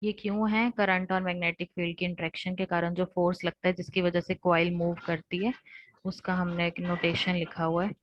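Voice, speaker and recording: An Indian teacher delivers a technical lecture in a slightly low, monotone voice at a moderate pace, explaining step by step and rephrasing along the way. The audio is dry and close with no room sound, yet dull and lo-fi, much like an online class.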